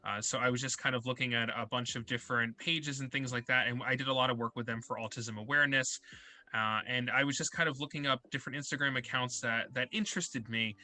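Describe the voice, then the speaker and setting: Young guy hosting a podcast, super bright voice, rambles a lot with ums. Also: medium pitch, steady tone, fast. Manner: rambling, heavy on filler words. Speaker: podcast host. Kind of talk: casual interview chat.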